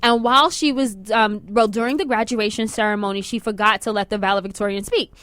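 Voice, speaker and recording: A young woman co-hosting a radio show, retelling news stories in a lively, chatty way. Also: mid-range voice, brisk, no echo. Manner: storytelling, animated retelling. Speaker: radio co-host. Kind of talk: casual radio chat.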